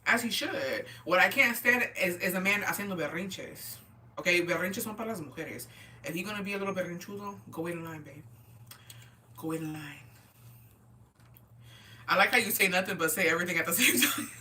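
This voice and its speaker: Tipsy and chatting with her livestream viewers, a woman in her twenties answers comments in slang, curses, and mixes in Spanish. Her fairly low voice is brisk yet pauses often, sounding pushed and bright. The recording is distant, with a little hiss or hum.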